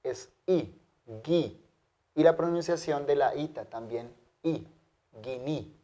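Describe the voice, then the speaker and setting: A male teacher leads a measured language lesson, sounding out each word deliberately and repeating it for clarity. His delivery is unhurried, with a dark, mellow tone. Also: a little high. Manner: careful, drawn-out pronunciation drills. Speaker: Greek teacher.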